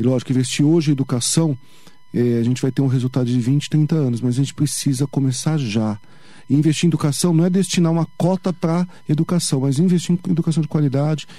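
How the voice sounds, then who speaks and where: A Brazilian man, a city councilman, speaking as a radio guest in a measured, explanatory way with some hesitations. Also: on the high side, dark tone, dry recording. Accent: Brazilian Portuguese. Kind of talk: radio interview. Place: radio studio.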